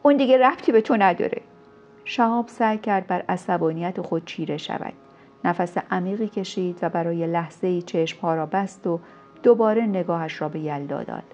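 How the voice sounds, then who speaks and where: A woman narrating a romance novel in a measured storytelling manner, as an audiobook reader. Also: lowish voice, warm tone. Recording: dull lo-fi recording.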